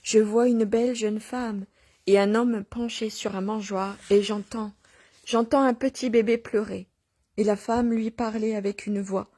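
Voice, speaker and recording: A woman's voice: medium pitch, fairly even intonation, measured pace, mellow, lightly acted. A woman reading an awestruck shepherd boy. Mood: awed.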